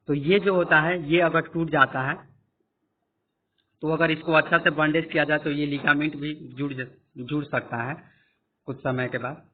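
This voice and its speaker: Tinny-sounding man teaching biology. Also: a little high. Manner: explanatory, repeats points and quizzes listeners. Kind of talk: classroom lecture with screen annotation. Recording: tinny phone-like audio.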